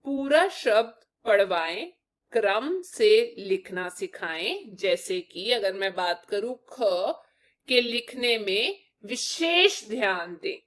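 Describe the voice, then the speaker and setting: A woman's voice: mid-range voice, animated, takes it slowly, fairly bright tone. A young woman teaching young children to write letters, explaining each step patiently and asking them questions. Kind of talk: children's Hindi lesson.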